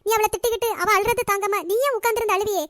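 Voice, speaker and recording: A woman's voice: extremely high pitch, fairly even intonation, racing, a bit bright, no room sound, studio quality. A woman voicing a bossy, concerned older woman who heads a family in a cartoon, questioning and commanding, with a Nagercoil Tamil accent. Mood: probing.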